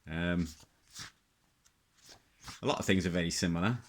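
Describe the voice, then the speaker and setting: Here a hobbyist presenter, a middle-aged man with a low voice, offers off-the-cuff show-and-tell commentary. He is halting and musing, and he tends to repeat himself.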